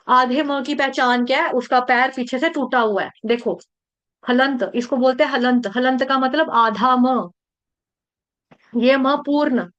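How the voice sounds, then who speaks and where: A woman from India leads a patient recitation lesson. She splits long words into syllables and repeats them many times, now and then chanting a verse line slowly. Her voice sits high and her pace is unhurried. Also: fairly bright tone. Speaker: Sanskrit recitation teacher.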